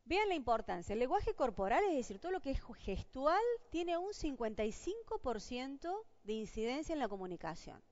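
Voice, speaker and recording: Argentine woman lecturer, animated higher voice, dull dry lo-fi recording. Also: moderate pace, few pauses, no room sound. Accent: Argentine Spanish. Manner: lively, rhetorical questions to the audience. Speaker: lecturer on job interviews. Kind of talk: university lecture.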